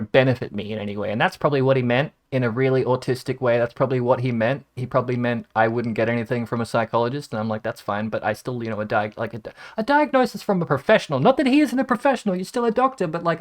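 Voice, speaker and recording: A man's voice: medium pitch, fairly bright tone. Rambling young man chatting to camera. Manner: rambling, jumps between tangents, wry and self-mocking. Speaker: gaming content creator. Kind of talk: rambling casual chat.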